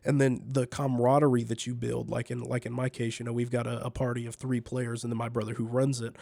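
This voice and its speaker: A man's voice: medium pitch, level tone, fast, creaky, darkish tone, no room sound. A man hosting a casual solo fireside-chat podcast, talking in a laid-back, conversational way with a congested, nasal voice because he is feeling sick. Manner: laid-back, conversational, repeats words as he goes. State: under the weather, sick. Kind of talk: casual rambling fireside chat about gaming.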